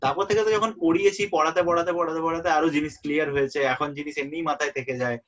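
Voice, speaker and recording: A young man tutoring a student for an exam in a relaxed way. He often checks that the student is following and repeats the key terms. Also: a little high, rapid-fire. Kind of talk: informal exam-prep lesson. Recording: muffled lo-fi audio.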